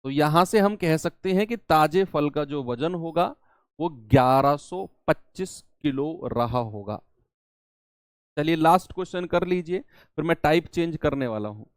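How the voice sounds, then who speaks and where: A man's voice: on the high side, animated, measured pace, smooth, dry recording, studio quality. A man teaching a math lesson, explaining problems step by step and asking his students questions as he goes.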